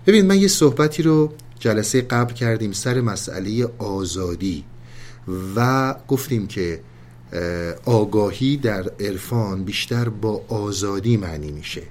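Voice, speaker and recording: A man with a fairly low voice gives a calm, unhurried lesson on mystical poetry, retelling tales and reciting verses. He speaks to his listeners with polite, measured care. A faint hiss sits under the recording.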